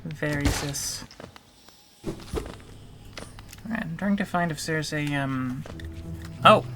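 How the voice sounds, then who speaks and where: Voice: mid-range voice, slow pace, music in the background. A game streamer chatting casually while playing, rambling with playful, self-aware asides. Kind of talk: casual live-stream commentary.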